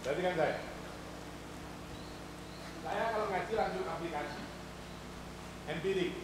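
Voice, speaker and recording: A man with a high voice and an East Javanese accent delivers an Islamic sermon in a mosque, firing rhetorical questions at the congregation and pushing them to answer. The recording, made in an echoey mosque hall, is very noisy.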